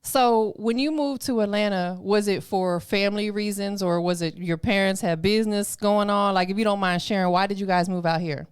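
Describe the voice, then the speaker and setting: Woman podcast host, smooth clear voice, upbeat casual interviewer, dry sound. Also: mid-range voice, fairly even intonation, normal speed, few pauses, dry recording. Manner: upbeat, friendly, slangy questions.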